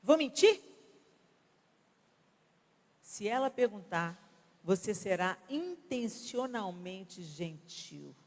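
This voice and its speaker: A Brazilian woman pastor in her fifties, preaching at a women's conference in an animated, conversational way with acted-out examples. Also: medium pitch, slow, pauses often. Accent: Brazilian Portuguese. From Brazil (Belo Horizonte). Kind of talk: conference sermon. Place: large church conference hall. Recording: reverberant church hall.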